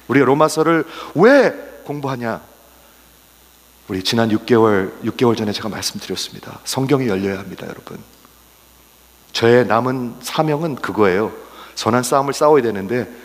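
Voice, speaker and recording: A male pastor preaches with a very lively, swooping delivery, jumping from raised exclamations to hushed, almost whispered asides. He drops English words into his Korean now and then. His voice rings out with the long reverb of a large church hall. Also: mid-range voice. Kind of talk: sermon.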